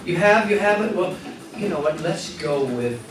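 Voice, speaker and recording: A man's voice: a little high, expressive, moderate pace, background noise. A man hosting a live magic show on stage, joking and coaxing the audience to play along. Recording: echoey hall, from far off, loud music.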